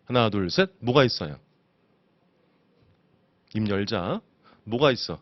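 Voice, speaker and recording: A man's voice: mid-range voice, no room sound, highs cut off. A man teaching an exam-prep lecture, constantly asking his students rhetorical questions. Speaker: instructor.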